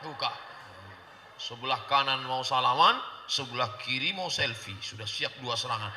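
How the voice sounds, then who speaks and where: A man's voice: medium pitch, moderate pace, long reverb tail, background noise. A man preaching a humorous sermon to a congregation, acting out quoted voices. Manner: acts out quoted voices, animated and joking.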